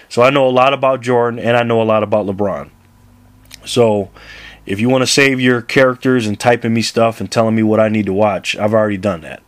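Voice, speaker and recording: Low-voiced man in his thirties, laughing often. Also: no room sound. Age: 30s. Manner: laughs often, rambling with restarts. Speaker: basketball vlogger. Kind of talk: casual to-camera rant.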